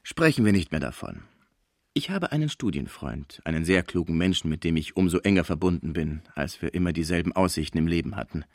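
Dignified doctor, measured and formal, read by a man, low voice, dry. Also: animated, darkish tone, dry recording. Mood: guarded. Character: cautious, dignified male doctor. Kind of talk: audiobook character voice.

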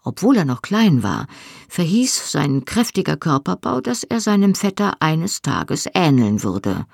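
An audiobook reader giving a lively, expressive scripted narration of a novel. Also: medium pitch, measured pace, gravelly, no echo, studio quality.

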